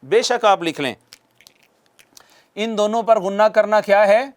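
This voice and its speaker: A man with a high voice gives a recorded lesson on Quran recitation rules, posing questions he then answers himself. He goes over key points repeatedly and voices nasal sounds to demonstrate them.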